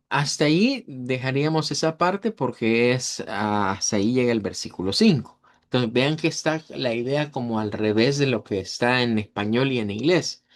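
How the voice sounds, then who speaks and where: A man teaching a language class, patient and methodical, repeating example words several times. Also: mid-range voice. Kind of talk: online class lesson.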